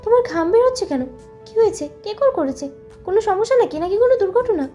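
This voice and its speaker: A woman's voice: high-pitched, fairly quick, mellow, dull audio, soft background music, close to an everyday voice. A woman voicing Mimi, an emotional, anxious young woman, in an audio story.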